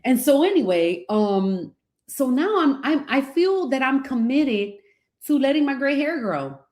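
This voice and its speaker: A woman's voice: high voice, sing-song, a little slow, darkish tone. A woman co-hosting a podcast, chatting casually with lots of fillers and enthusiasm. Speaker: podcast co-host. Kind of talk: casual chat.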